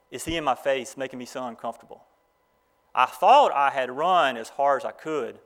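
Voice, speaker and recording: A man speaks at a graduation. He tells folksy stories, rushing ahead and then slowing down, and reads aloud from scripture. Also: fairly high pitch, a bit bright. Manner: folksy storytelling, speeding up and slowing down. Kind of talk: graduation address with Bible reading.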